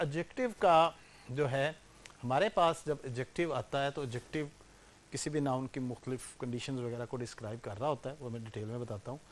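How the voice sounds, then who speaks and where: Teaching English grammar in a classroom lecture, this man walks his students through each step and frequently checks their understanding with questions. His voice is on the high side and fairly bright, his volume swings sharply, and he slows to emphasize example sentences.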